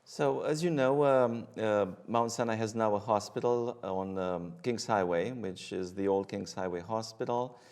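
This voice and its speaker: A man's voice: on the low side, unhurried, few pauses, a little mellow. A middle-aged man from Romania, speaking with a Romanian accent, a guest physician explaining his work with frequent ums and uhs. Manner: hesitant, many ums and uhs.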